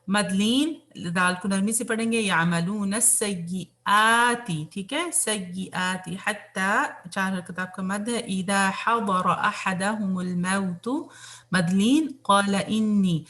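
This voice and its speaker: A woman from Pakistan, teaching tajweed in an online class, reciting verses slowly and correcting pronunciation with quick asides. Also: mid-range voice, fairly bright tone. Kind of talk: tajweed lesson, reciting and explaining.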